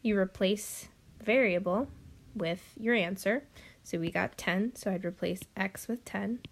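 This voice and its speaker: Lady teacher going thru math steps slow and patient, bit breathy, lots of ums, faint hiss behind. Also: medium pitch. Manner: patient step-by-step explaining with frequent ums. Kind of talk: recorded classroom lesson.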